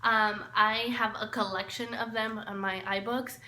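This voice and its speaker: A lifestyle vlogger in her twenties, born in El Salvador, speaks casually to camera in a get-to-know-me video, often laughing and trailing off. Her medium-pitched voice is unhurried with little pitch movement, and the echoey room carries a faint hiss.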